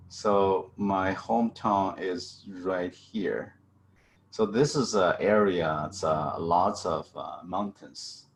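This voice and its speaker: A middle-aged man from China with a Chinese accent, giving a halting seminar talk over a video call with many fillers and restarts. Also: deep voice, a little hiss or hum. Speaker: guest speaker.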